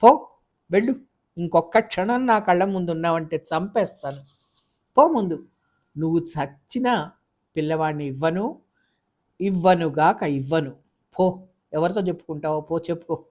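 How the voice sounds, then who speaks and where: A storyteller voicing an angry young husband who hurls harsh insults in a Telugu audio novel. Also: male voice, on the high side, measured pace. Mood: raging. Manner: harsh, shouting, contemptuous. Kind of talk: audiobook character voice.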